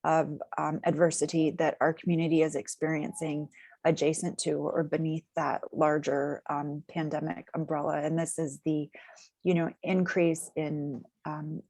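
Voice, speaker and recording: Low-voiced woman speaking in measured, jargon-heavy phrases. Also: level tone, a little mellow, no room sound. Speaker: community agency representative. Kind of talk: interview answers.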